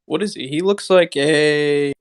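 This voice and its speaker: A man co-hosting a live stream, trading teasing, fast joking asides with the others. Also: fairly high pitch, smooth. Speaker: stream co-host.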